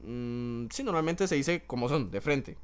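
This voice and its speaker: A man's voice: medium pitch, lively intonation, a little slow, clean tone. A young man, a podcast guest, chatting casually and hesitantly, with lots of fillers. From Colombia, Bucaramanga. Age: young adult. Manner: hesitant, many fillers, laughs easily. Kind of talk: casual chat.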